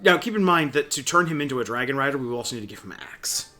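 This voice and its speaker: A man co-hosting a let's play, joking crudely and reacting excitedly to the game. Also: medium pitch, rapid-fire, soft background music. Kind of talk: casual gaming banter.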